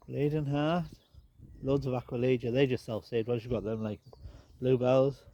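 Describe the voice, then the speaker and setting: This garden vlogger, his voice nasal and congested, chats at a moderate pace and medium pitch while walking around his garden outdoors. The lo-fi handheld phone recording catches his rambling, easygoing walk-and-talk full of relaxed asides.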